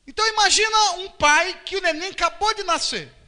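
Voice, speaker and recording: A high-pitched, bright-voiced Brazilian man preaching from the pulpit. He swings his voice widely, acting out little scenes and quotes. A long church reverb trails after his words. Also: fairly quick. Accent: Brazilian Portuguese. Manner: animated, acts out quotes and voices. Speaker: pastor. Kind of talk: sermon. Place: church hall.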